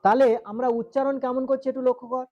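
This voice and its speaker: A man's voice: extremely high pitch, flat delivery, quick pace, muffled recording. A male teacher giving a classroom grammar lesson with a West Bengal Bengali accent, quizzing students and stretching out syllables as he goes. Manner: drills students, asks questions, stretches syllables.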